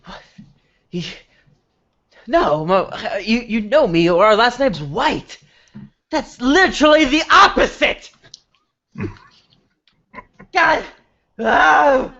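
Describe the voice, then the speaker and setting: A man's voice: sits high, expressive, slow pace, long pauses, a bit bright, muffled recording, full character voice. A man voicing a distraught, washed-up town drunk and hurt father in improvised role-play, whiny and overwrought. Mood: distraught, exasperated. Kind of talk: improvised role-play at a live tabletop game.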